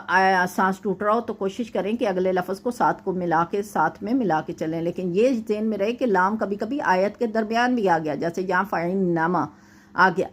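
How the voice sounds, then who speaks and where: A woman at an ordinary mid pitch teaches Quran recitation, patiently going through a student's mistakes one rule at a time. She explains each point carefully and checks in often with a short "okay". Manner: recites verses slowly and drawn out.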